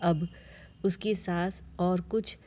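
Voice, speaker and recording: A woman narrating a family story in a calm, steady storytelling manner. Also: lowish voice, drawn-out words.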